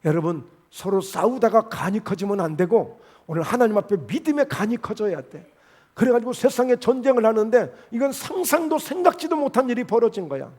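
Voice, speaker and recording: Male pastor, high-pitched, preaching in church and acting out the voices in his stories. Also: animated, brisk, darkish tone. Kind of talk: sermon. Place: church sanctuary.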